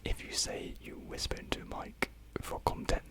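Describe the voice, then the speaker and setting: A young adult, whispering at normal speed, speaks softly and breathily into a close microphone during a casual ASMR chat. Their answers to viewer comments are hesitant and rambling, laced with self-deprecation.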